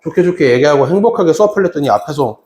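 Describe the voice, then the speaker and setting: A man telling his class a story from his teaching days, with a lively voice that swings up and down. He acts out his own scolding of students with sudden loud shouts. The room around him sounds echoey. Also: on the high side, racing. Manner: animated, wide-ranging delivery. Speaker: academy teacher. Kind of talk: storytelling anecdote in a class talk. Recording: roomy echo.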